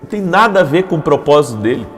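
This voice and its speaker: A man's voice: fairly high pitch, big pitch swings, quick pace, in a large hall, soft background music. A man preaching a devotional morning sermon, with repeated emphatic phrases that build into urgent appeals. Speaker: pastor.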